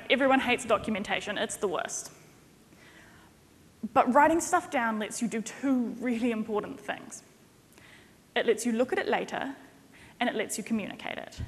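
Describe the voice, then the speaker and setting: Jokey New woman giving a keynote. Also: fairly high pitch. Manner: conversational and jokey, lively emphasis. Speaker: keynote speaker, consultant. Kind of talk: conference keynote talk. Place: conference stage in a large hall. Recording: reverberant hall sound.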